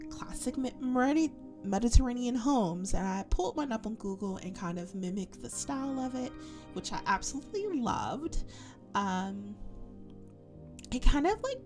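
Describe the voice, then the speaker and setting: A woman with a stuffy nose from a cold, chatting casually as a game building creator, rambling with lots of fillers and little giggles. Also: on the high side. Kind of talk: casual voice-over commentary.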